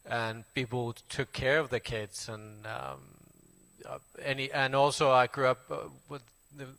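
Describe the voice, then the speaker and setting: Halting Finnish-accented monk, bright voice. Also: male voice, mid-range voice, animated, vocal fry. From Finland. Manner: halting, many fillers and restarts, plain friendly telling. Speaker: Buddhist monk giving a talk. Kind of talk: casual spoken self-introduction.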